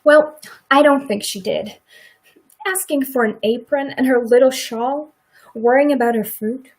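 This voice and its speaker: A woman in a radio play acting a middle-aged farm wife who is sympathetic, quietly indignant and plain-spoken in a folksy rural way. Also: high-pitched, measured pace, slightly rough, heavily acted, low-quality recording. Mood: sympathetic, thoughtful.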